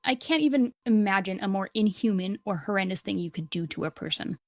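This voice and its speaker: A woman's voice: medium pitch, lively intonation, brisk, no room sound, muffled recording. Blunt, swearing woman true-crime host. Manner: blunt, indignant, swears freely. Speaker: podcast co-host. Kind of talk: casual true-crime storytelling.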